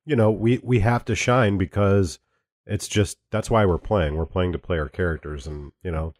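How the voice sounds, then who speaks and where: Low voiced guy just chatting on a podcast, lots of um and uh. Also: normal speed, darkish tone, no room sound, clean studio sound. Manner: rambling, with many fillers and restarts. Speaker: podcast co-host. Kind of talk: casual podcast chat.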